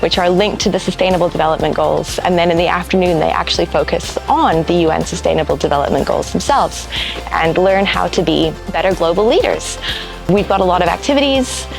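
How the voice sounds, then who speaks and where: A woman from a language school giving an upbeat, polished pitch for its summer camp outdoors on a campus. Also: brisk, creaky, rough recording. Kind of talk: promotional talk to camera. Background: faint music.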